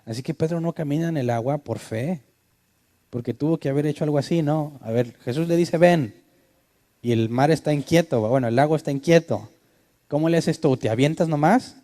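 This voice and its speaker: Pastor with a mellow voice, asking questions. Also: male voice, on the high side, brisk. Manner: conversational, asks the audience questions. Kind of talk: sermon teaching.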